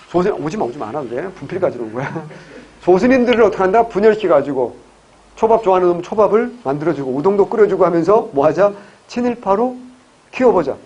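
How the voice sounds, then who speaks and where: A man teaching a history class for exam students, joking and firing quick questions at the class. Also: high-pitched, a little mellow, husky, lo-fi sound. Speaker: civil service exam history lecturer. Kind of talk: classroom lecture.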